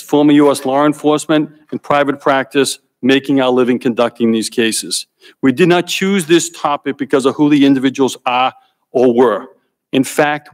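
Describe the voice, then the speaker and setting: A man testifying at a congressional hearing, speaking deliberately and stressing key points by repeating them. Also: mid-range voice. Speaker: hearing witness. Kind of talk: prepared testimony.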